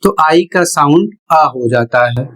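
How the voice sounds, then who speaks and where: A teacher explaining English pronunciation rules one step at a time, in a measured, repetitive way. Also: medium pitch, expressive, a bit bright. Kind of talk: slow explanatory lesson narration.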